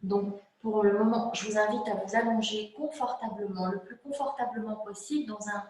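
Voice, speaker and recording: A woman yoga teacher calmly explaining a guided relaxation method, pausing often with hesitant fillers. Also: mid-range voice. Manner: calm, slow, hesitant with frequent fillers. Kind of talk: spoken yoga class introduction. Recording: very echoey room.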